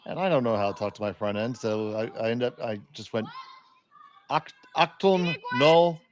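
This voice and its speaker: A man's voice: fairly low pitch, fairly even intonation, fast talker, a little mellow, a little hiss or hum. A man doing live curling commentary in a chatty way, adding anecdotes between the shots.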